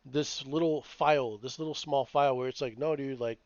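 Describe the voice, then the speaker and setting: A medium-pitched man's voice, fairly quick, comes from a podcast co-host in his late thirties. He chats casually, ranting in a rambling, animated, profane way. The audio is dull, lo-fi, and dry, with no echo.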